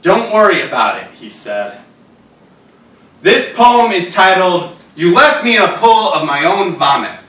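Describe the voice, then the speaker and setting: Reading his own work aloud, this male author gives absurd stories and poems a dry, wry, deadpan treatment, his voice a touch high and his pace relaxed. The live reading was recorded on a distant mic, so the room's echo comes through.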